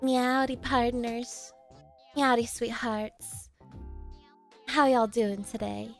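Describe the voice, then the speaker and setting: A woman voicing a sweet Southern belle cowgirl with a put-on Southern American accent and a slow, sugary drawl. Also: on the high side, steady tone, faint music behind.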